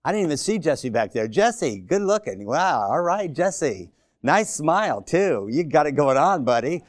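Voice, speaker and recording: A man's voice: a little high, sing-song, measured pace, no room sound, clean studio sound. A man in his sixties preaching a sermon to a congregation, emphatic and exhorting, repeating phrases for effect. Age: 60s. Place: church before a congregation.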